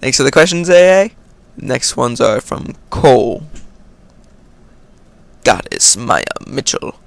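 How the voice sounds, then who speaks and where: American dude doing a q&a vlog, gravelly voice, reads questions then answers kinda offhand. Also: male voice, mid-range voice, big pitch swings, slow, no room sound. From United States. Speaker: video host. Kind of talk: casual Q&A vlog.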